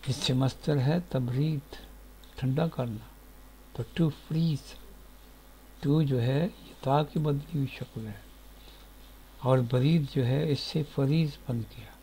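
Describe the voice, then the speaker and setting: A man teaching word origins in a slow, deliberate lecture, spelling out letters one by one, recorded in a sitting room at home. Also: medium pitch, dark tone, a little hiss or hum, rough recording. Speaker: etymology teacher.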